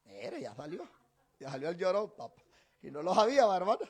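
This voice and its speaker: A man's voice: high voice, very animated, fairly quick, breathy edge. A middle-aged male pastor preaching a sermon in a conversational way, teasing his congregation, then building to emphatic proclamation.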